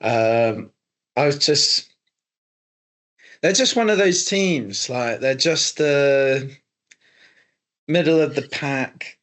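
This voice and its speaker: A young man co-hosting a casual sports podcast, hesitant and quick to laugh. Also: mid-range voice, expressive, a bit bright. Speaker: co-host.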